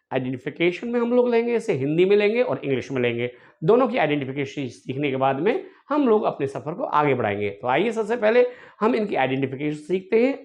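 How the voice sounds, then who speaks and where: A male English teacher giving an online grammar lesson, drilling words by repeating them slowly and addressing viewers fondly. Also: sits high, a little mellow.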